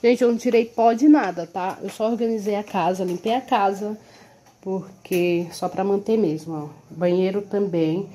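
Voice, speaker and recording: A woman's voice: mid-range voice, moderate pace, warm tone, a little hiss or hum. A young woman with a Brazilian Portuguese accent, chatting casually in a home vlog, recorded on a phone held at arm's length in a small room. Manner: chatty, with many tag questions like "tá?" and "entendeu?". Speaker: vlogger and mother.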